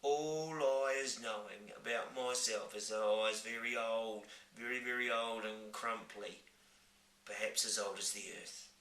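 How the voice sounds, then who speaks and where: A man voicing a very old, gentle male giant who mangles his grammar and invents words, speaking slowly. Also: fairly low pitch. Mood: earnest. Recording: roomy, from a distant mic.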